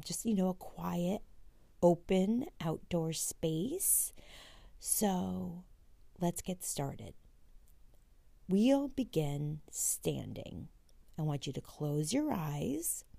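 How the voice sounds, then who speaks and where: A woman leading a guided meditation in a gentle, unhurried way, her voice breathy and drifting toward a near-whisper. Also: deep voice, no room sound. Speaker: podcast host and meditation guide.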